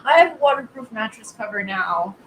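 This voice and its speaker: A woman's voice: a little high, expressive, fairly quick, fairly bright tone. A young adult woman, a podcast guest, chatting frankly and bluntly with frequent laughs. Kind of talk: casual chat. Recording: echoey room with faint hum.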